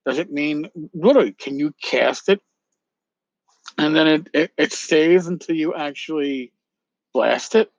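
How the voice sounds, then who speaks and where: A man's voice: on the high side, a little slow, vocal fry, no room sound, dull audio. A man hosting a casual solo podcast, musing and rambling as he repeats phrases for emphasis. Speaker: podcast host.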